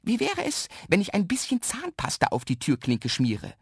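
A man's voice: sits high, huge pitch swings, normal speed, vocal fry, breathy edge, no room sound, clean studio sound, pitched above the performer's own voice, exaggerated voice. A man voicing a tiny, mischievous, boastful imp with a round belly in a children's radio story, cheeky and bragging.

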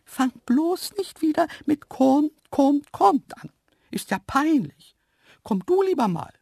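A storyteller voicing two cheeky, teasing invisible antelopes in a high, sly, whispery voice. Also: big pitch swings, slow, gravelly, a little mellow, no echo, clean studio sound, heavily acted. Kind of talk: audiobook storytelling.

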